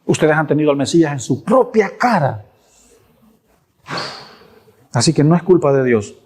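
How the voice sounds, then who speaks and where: A male pastor delivers a sermon in church. He is emphatic, repeats lines for stress and throws out rhetorical questions. His voice sits a little higher than most men's. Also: very animated, moderate pace, darkish tone, breathy edge.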